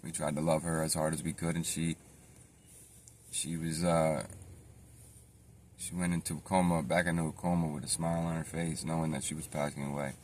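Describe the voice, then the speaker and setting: A man with a very deep, low voice tells his own story in an unscripted, meandering way. He stops to correct himself, backs up and fills gaps with "um". A faint hum of noise runs under him. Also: little pitch movement. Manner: rambling, halting, with frequent fillers and self-corrections. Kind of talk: casual spoken storytime.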